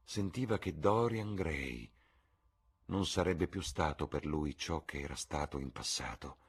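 A man reading a classic novel aloud as narrator, with a husky voice and a measured, subdued delivery. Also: extremely low pitch, expressive. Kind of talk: audiobook reading.

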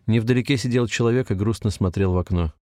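A man reading a gloomy short story aloud in a low, measured, somber way. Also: warm tone, dry recording, studio quality. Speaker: reader. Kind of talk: audiobook narration.

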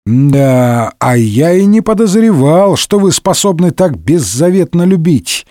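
A man's voice: a little high, sing-song, a little slow, no room sound, clean studio sound, pitched above the performer's own voice. A man voicing a rude sarcastic Gascon swordsman. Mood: sarcastic, mocking. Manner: brusque, mocking, shouting insults. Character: hot-tempered middle-aged Gascon swordsman, rude and sarcastic. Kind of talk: comic audiobook reading.

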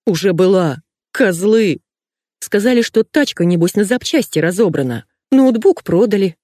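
A woman's voice: lively intonation, normal speed, mellow, no echo, studio quality, natural voice. A woman reading an audiobook and voicing a hysterical young woman friend who wails and complains indignantly. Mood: bitter complaining. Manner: wailing, shrill and indignant.

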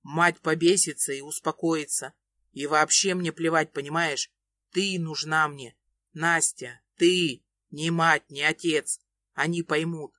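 Woman reading young male lover, lowered voice, growls and pleads, dry close mic. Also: steady tone, measured pace, sharp tone, no echo. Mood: angry. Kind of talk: audiobook reading.

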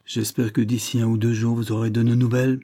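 A man reading the part of a smooth-talking adult male con man who spins his story in an earnest, persuasive way. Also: medium pitch, flat delivery, fast talker, mellow, no room sound, clean studio sound, natural voice. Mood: hearty.

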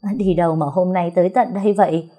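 A pompous old-style district official, played by a woman narrator, blustering at commoners and fawning over his betters. Her voice stays warm and husky under the bluster, pitched a little up. Storybook reading. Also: fairly even intonation, fast, close to an everyday voice. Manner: swaggering, then obsequious. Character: arrogant, fawning male district mandarin.

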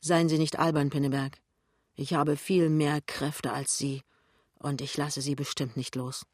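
A man voicing a calm, strong male colleague who speaks coolly and in a measured way. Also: on the high side, dry recording, studio quality. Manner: cool, measured.

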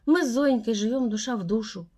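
A woman's voice: a little high, fairly quick, natural voice. A woman reading an audiobook voices a tender older mother who speaks tearfully and fusses over her son. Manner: tearful, warm, fussing.

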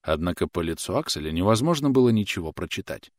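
A male audiobook narrator with a very low, deep voice, reading in a steady, even way. The recording is dry and close-miked, with no room sound. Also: fast, dry recording.

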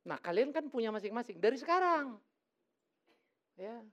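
A middle-aged male pastor preaching a lively, joking sermon in church. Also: extremely high pitch, normal speed. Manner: lively, joking, acts out quoted voices.

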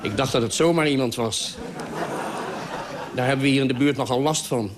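A man's voice: medium pitch, normal speed, a crowd in the background, natural voice. A man voicing a flustered male friend caught off guard by an unexpected visit, in a comic spoken radio story. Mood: pained. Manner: tormented, then hurriedly welcoming. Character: flustered male friend, startled and reluctant host.

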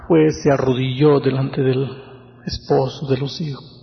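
A middle-aged pastor telling a story in a sermon, dramatic, slowing and softening for the moving parts. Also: male voice, mid-range voice, flat delivery, gravelly. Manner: dramatic, slows and softens for quoted pleas. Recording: dull sound with long hall reverb.

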